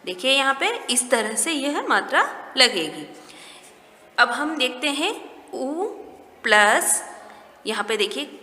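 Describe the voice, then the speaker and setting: A woman with a high, bright voice teaches a recorded lesson to small children. She goes slowly, asks simple questions and answers them herself. Her voice rings in an echoey room with a long reverb. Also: sing-song. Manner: slow, explaining each step and asking questions. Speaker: primary school teacher.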